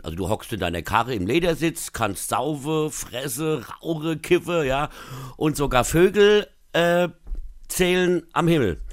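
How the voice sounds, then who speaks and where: A male stand-up comedian performs a scripted radio bit, his pitch jumping up and down as he lands his gags. The recording is close and dry, with almost no room sound. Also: dry recording. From Rhineland-Palatinate, Germany. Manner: punchy, jokey delivery with sudden pitch jumps and asides.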